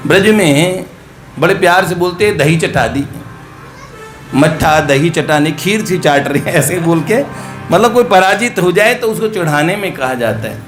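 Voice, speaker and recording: A man's voice: a little high, expressive, normal speed, a bit bright, faint music behind. A man telling a devotional story with a playful, affectionate teacher's tone. He sings rhyming couplets and then explains them in plain speech. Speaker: spiritual storyteller. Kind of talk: devotional storytelling with sung verses.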